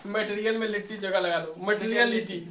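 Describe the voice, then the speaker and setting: Male teacher, high voice, echoey classroom heard from a distance, drilling spelling and pronunciation. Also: steady tone, brisk. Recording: echoey room, mic far off, faint noise.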